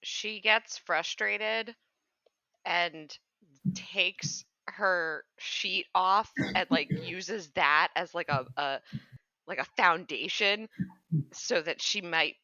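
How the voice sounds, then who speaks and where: A woman player casually describing her character's moves in a tabletop game, halting as she searches for words. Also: on the low side, pushed and bright, highs cut off. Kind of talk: casual improvised game talk.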